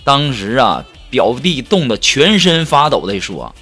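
A man's voice: medium pitch, sing-song, a little slow, sharp tone. A man performing a comic monologue, telling his jokes in a chatty storytelling way and slipping into other people's voices. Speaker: comedian. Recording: music playing behind.

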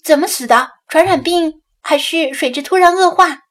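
A woman voicing an eager young woman, high and pressing. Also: a bit bright. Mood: curious. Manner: quick, pressing questions.

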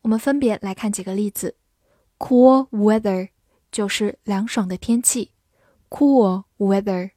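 A woman teaching English vocabulary in a scripted lesson, spelling each word out letter by letter and reading example sentences slowly. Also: medium pitch, warm tone, dry recording, studio quality. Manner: spells words out letter by letter, slow model readings.

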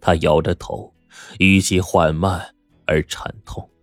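A male storyteller with a deep, low voice who narrates a scripted story in a measured, dramatic way. The sound is dry and close, with faint music underneath. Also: level tone, dry recording.

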